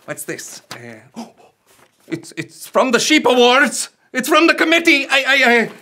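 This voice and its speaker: A goofy Scottish rapper puppet with a high, bright, lively voice, which a man acts out. He brags and bounces through a kids' puppet skit in a Scottish accent. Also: a little slow, exaggerated voice.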